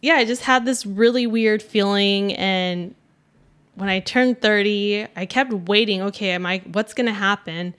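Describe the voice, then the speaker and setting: A woman's voice: medium pitch, unhurried, fairly bright tone, clean tone. A woman in her thirties co-hosting a casual chat, easygoing and laughing often, sometimes drifting away from the mic. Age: 30s. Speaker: podcast co-host.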